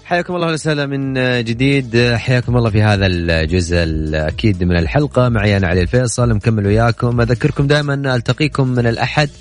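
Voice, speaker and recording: Male radio host, brisk friendly patter over a faint music bed. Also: lowish voice. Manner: friendly and chatty, addresses listeners directly. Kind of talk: late-night radio call-in chat. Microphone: studio microphone.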